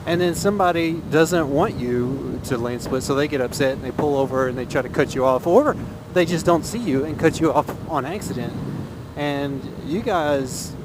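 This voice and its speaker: A man's voice: on the high side, normal speed. A man talking casually and earnestly from inside a motorcycle helmet, giving his opinion as he rides and repeating phrases for emphasis. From Texas, USA. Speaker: motovlogger. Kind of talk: casual opinion monologue while riding. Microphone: helmet microphone. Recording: inside a helmet, loud wind and engine noise.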